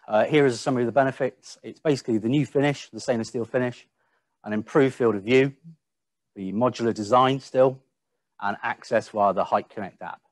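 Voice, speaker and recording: Giving a webinar-style product presentation, a man speaks somewhat haltingly and now and then repeats a word. His mid-range voice is recorded without any room sound.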